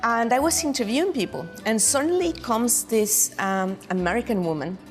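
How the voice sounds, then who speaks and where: A Mexican woman, a film director, talks through her work in a thoughtful, searching way. She often stops and restarts her sentences. Soft music plays faintly behind her. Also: on the high side, expressive, moderate pace. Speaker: documentary director. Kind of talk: interview answers.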